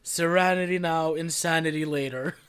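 Blunt, swearing man, slightly high voice. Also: fairly even intonation, normal speed, a bit bright, clean tone. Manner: blunt, swears, laughs while complaining. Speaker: podcast co-host. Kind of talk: casual chat.

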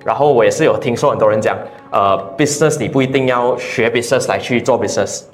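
A man's voice: medium pitch, quick pace, soft background music. A young man from Malaysia with a Malaysian Mandarin accent, chatting casually as an interview guest and sprinkling English words into his speech. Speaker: brand founder, guest.

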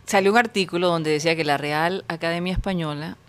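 A woman from Colombia hosting an entertainment talk show, expressive and exclamatory, given to dramatic sighs. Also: on the low side, fast talker, smooth. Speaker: show host.

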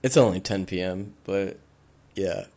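Guy podcasting late at night, slow and low, cusses a lot, voice going hoarse. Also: darkish tone. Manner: blunt, swears freely, repeats words. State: losing his voice, clearing his throat. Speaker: podcast host. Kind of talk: casual advice monologue.

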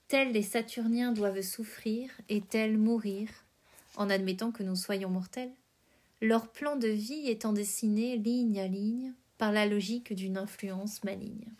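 A woman hosting a podcast, reading poetry aloud with careful, measured phrasing. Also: mid-range voice, a little mellow. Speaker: podcast host.

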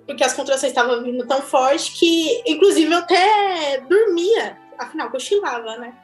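High-voiced Brazilian woman telling a story. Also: moderate pace. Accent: Brazilian Portuguese. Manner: animated, chatty, laughs often. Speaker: mother telling her birth story. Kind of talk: casual personal storytelling. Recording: echoey room with faint music.

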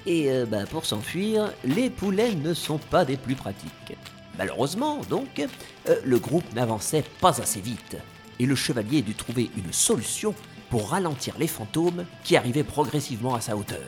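A man narrating a storybook tale in a lively, playful way. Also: medium pitch, moderate pace, soft background music.

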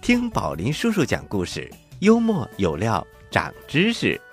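A low-pitched man tells children's stories as host, with lively swings in his delivery. He is theatrical and encouraging like a kindly uncle, over background music. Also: a little slow. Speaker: storytelling host. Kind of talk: children's storytelling, scripted narration and dialogue.

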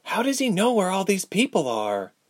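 A man's voice: sits high, wildly swooping pitch, moderate pace, no echo, studio quality, pitched above the performer's own voice, heavily acted. A man voicing a distressed young woman haunted by visions, anxious and pleading, turning angry. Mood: troubled. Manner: anxious, pleading, rising to anger. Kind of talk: audiobook character voice.

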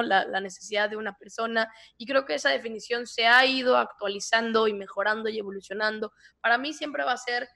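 A woman who hosts her own podcast and gives talks, appearing as a guest and speaking in an animated way, often correcting herself mid-sentence. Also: a little high, vocal fry. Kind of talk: conversational interview.

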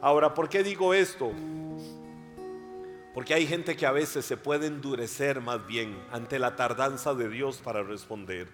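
Slow, emphatic Costa Rican pastor preaching. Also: male voice, big-room sound. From Costa Rica. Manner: slow, emphatic preaching that swells loud and high. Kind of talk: sermon. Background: soft instrumental music.

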